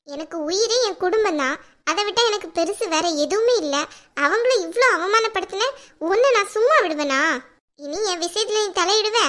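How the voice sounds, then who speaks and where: A fierce, fed-up young wife in a cartoon, voiced by a woman. She talks back sharply with a sarcastic edge, in a very high, bright voice. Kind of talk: cartoon voice acting.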